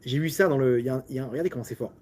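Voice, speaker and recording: A man from France with a French accent, a rabbi giving a lively Torah lesson full of restarts and direct questions to his listeners. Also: mid-range voice, very fast, slight background noise. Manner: repetitive, stumbling restarts, talks directly to listeners.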